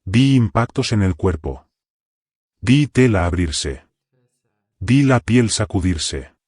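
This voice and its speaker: Low-voiced man narrating horror. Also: animated, takes it slowly, darkish tone, dry recording, studio quality. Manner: tense first-person military account.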